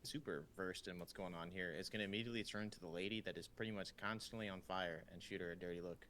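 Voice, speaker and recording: A man's voice: deep voice, fairly even intonation, quick pace, fairly bright tone. A young man playing a tabletop game online, talking in a laid-back, drawling, self-deprecating way. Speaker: player. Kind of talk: casual game chat. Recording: faint background noise.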